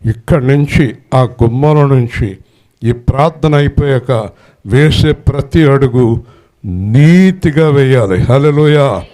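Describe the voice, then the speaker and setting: A man preaching a sermon who scolds and quizzes his congregation, demanding loud answers, and swings from low murmurs up to high shouted peaks. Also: slow pace. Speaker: pastor.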